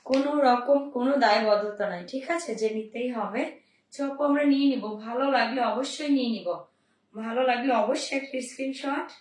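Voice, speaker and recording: A hoarse young woman, running a live sales stream with upbeat, repeated pitches. Her voice sits a little high and sounds roomy, picked up from a step away from the mic. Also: a little fast, distant mic. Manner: upbeat, repetitive selling calls to viewers. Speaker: online clothing seller.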